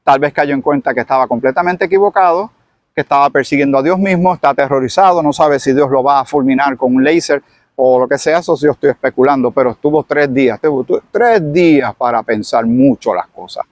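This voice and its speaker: Speaking fast at a medium pitch, this man preaches a Bible lesson, dramatically retelling and acting out the scene as he goes. The recording has no echo.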